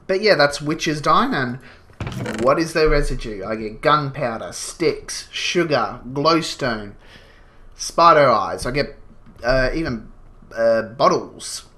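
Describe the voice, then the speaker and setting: Speaking slowly in a medium pitch, this man sounds pushed and bright, with lively intonation. He's a gaming channel host with a slight cold, sniffling while he rambles through casual gameplay commentary, explaining along the way and filling gaps with fillers.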